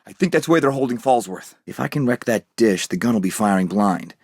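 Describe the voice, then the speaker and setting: An actor playing Captain America, a heroic and determined American soldier, delivering terse, earnest video game lines. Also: male voice, on the low side, expressive, a little fast, a little mellow, no room sound, clean studio sound. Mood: focused, determined.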